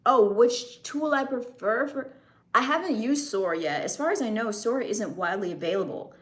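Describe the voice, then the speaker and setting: A chatty young American woman live streamer talks casually, answering chat comments and laughing often. Her voice is a little high, animated and a bit bright, at a moderate pace.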